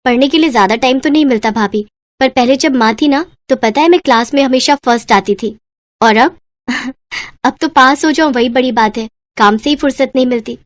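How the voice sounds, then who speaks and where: A woman's voice: high-pitched, brisk, no room sound, natural voice. A woman voicing a timid, overworked teenage schoolgirl in a cartoon story, speaking hesitantly and stammering.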